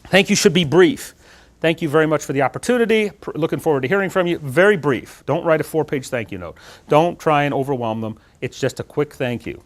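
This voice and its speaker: A middle-aged man gives a lively classroom talk on job interviews as a guest speaker in a lecture room full of students. He talks fast in a slightly high voice, gestures with his hands, and puts questions to the audience.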